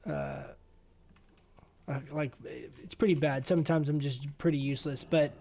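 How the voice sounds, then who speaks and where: A man's voice: on the high side, steady tone, a little slow, warm tone. Rambling casual young-sounding gamer guy. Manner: rambling, filler-heavy, swears casually. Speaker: streamer playing an online game. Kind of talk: casual gaming chat. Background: faint game music.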